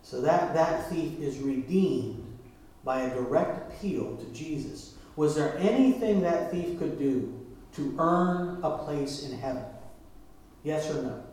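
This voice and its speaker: A man's voice: on the high side, takes it slowly, a little mellow, very echoey, poor audio. A man preaching a sermon to his church, talking conversationally and asking the congregation questions. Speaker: pastor.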